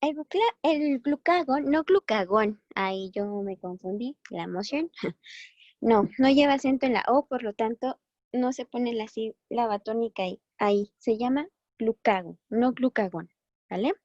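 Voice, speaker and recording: A woman gives a recorded medical lecture, chatty and encouraging, stopping now and then to correct herself. Her voice sits fairly high. The sound is dry and a little dull, as if from a close, cheap mic. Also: normal speed, darkish tone, no echo. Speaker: medical teacher.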